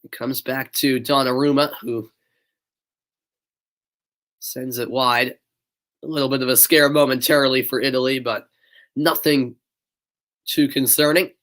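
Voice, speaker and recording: Here the commentator is a young man from the US Northeast, congested and nasal, who narrates amateur sports live and talks casually with viewers. His medium-pitched delivery is fairly even and somewhat bright, a bit slow, with long pauses.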